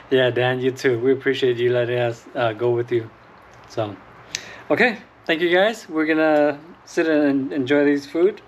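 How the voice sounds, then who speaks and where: A man in a casual home-meal vlog, speaking at an ordinary middle pitch. His talk stops and starts, filled with ums and uhs. There is a faint hum of background ambience. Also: steady tone, lo-fi sound. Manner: halting, full of ums and uhs. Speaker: fishing channel host. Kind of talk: casual chat while eating.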